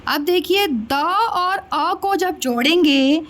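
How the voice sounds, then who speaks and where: A woman's voice: very high voice, lively intonation, slow pace, fairly bright tone. A woman teacher patiently explaining a grammar lesson to children step by step, often checking that they understand. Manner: addresses listeners as children.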